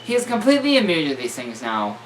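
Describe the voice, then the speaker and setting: Lively young guy reading a horror story. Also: a little high, fast. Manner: stumbling, self-correcting, joking asides. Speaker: reader. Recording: distant mic with faint room noise.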